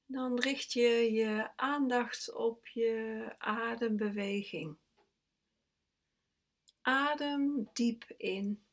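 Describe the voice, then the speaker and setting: A woman guides a breathing meditation in a slightly high voice. She speaks extremely slowly and leaves long pauses. Her tone stays soft and calm, and now and then she sinks to a near whisper. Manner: slow, soft, calm instructions, at times sinking to a whisper.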